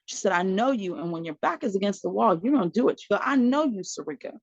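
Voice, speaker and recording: A woman with a medium-pitched, creaky voice talks fast as a podcast guest, recounting a personal story in conversation. The adult mother of four animatedly acts out what others said to her, laughing and using fillers along the way. The sound is lo-fi with no echo.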